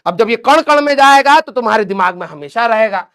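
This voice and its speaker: A man's voice: very high-pitched, animated, brisk, a bit bright, smooth. A man teaching a live online class, chatty and teasing, joking with his students between lessons. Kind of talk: casual live-class banter.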